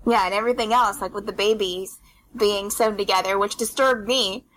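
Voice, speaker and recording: A woman with a bright, crisp-edged voice chats casually about a game. She explains at length, hesitating and filling gaps with little fillers as she thinks. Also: mid-range voice, fairly even intonation, rough recording. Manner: chatty, halting explanations with many fillers. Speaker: co-host of a game discussion stream. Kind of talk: casual chat.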